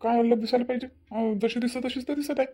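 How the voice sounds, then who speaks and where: A woman's voice: on the high side, fairly even intonation, fast, mellow, close to an everyday voice. A woman voicing a teasing old village father-in-law. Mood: impatient. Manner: teasing, chuckling. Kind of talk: cartoon voice acting.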